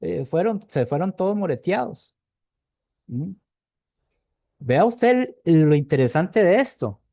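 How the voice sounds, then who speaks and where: A man's voice: high voice, very animated, slow pace, vocal fry, dark tone, no echo. A man with a Costa Rican accent preaching a sermon in a conversational way, often checking in with his listeners and repeating words as he searches for them. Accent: Costa Rican Spanish. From Costa Rica. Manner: conversational, asks the congregation "¿verdad?" often. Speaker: evangelist preacher.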